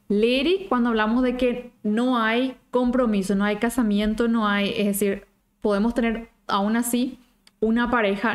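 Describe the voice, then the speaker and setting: A woman giving an online language lesson as the teacher, who keeps checking in with short tag questions and slows down to model pronunciations. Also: on the high side.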